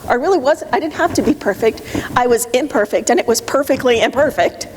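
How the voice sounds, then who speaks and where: A middle-aged woman coaches a live audience in a direct, emphatic way, her voice sitting a little high. The sound carries a long reverb from a conference hall, and faint noise sits under it. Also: lively intonation, brisk. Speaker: motivational speaker.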